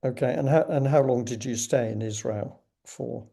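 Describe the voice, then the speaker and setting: A middle-aged man hosts a conversational interview with courteous, measured formality. His voice is dark and mellow, with a husky edge and some gravelly fry. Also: mid-range voice. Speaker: interview host.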